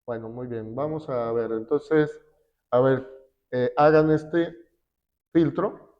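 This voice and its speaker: A man teaching a class, slowly explaining a spreadsheet step by step with fillers. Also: mid-range voice, fairly even intonation. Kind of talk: classroom software lesson. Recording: dull lo-fi recording.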